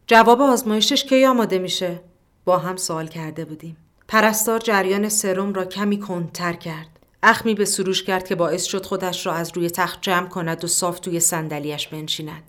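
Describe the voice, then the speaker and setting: A woman narrating a literary story in a somewhat low voice. Her reading is calm and measured, and it sinks into a hush for the quieter inward passages.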